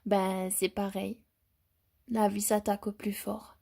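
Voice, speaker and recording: A young woman vlogging casually while travelling, chatty and excitable, who laughs often, mixes in English words and trails off mid-thought. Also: medium pitch, slow, gravelly. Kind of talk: casual motivational vlog. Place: travelling in South Africa.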